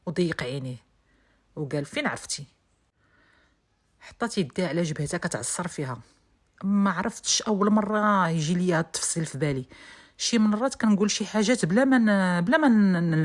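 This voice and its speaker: A woman with a Moroccan accent reads a romance aloud at a rapid pace. Her voice sits a little low for a woman, and she tells the story intimately, stumbling and restarting now and then.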